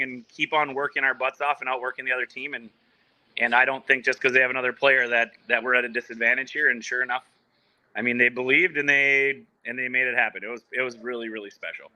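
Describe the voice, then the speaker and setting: In a casual video-call interview from the training ground, a man from a soccer club rambles along with lots of restarts and fillers. His voice is medium-pitched, bright and forceful, and the audio quality is poor.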